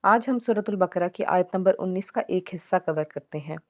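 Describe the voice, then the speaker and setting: A woman teaching a Quran tajweed lesson, spelling out syllables slowly and explaining the recitation rules. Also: on the low side. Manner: slow, deliberate syllable-by-syllable spelling with drawn-out recitation.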